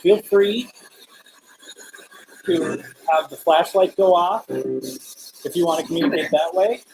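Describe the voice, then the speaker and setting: A paranormal investigator hosting a live spirit box session, speaking casually and haltingly, often putting questions to unseen listeners. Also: mid-range voice, a little mellow. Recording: noisy, rasping static. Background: raspy radio static noise.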